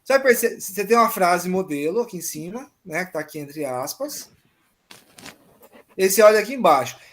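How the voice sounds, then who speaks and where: A male teacher walks students through grammar points in an online exam-prep class. He is patient and explanatory, and he keeps pausing to check that everyone follows. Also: high voice, animated, fairly bright tone.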